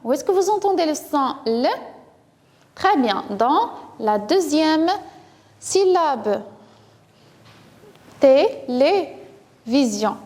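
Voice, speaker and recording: A woman teacher with a Moroccan accent leads young children through French sounds, her high voice drawing each word out slowly and patiently. She praises often and repeats words syllable by syllable. The sound trails off in a long, hall-like reverb. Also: sing-song, a little mellow. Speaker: primary school teacher. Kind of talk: first-grade French phonics lesson.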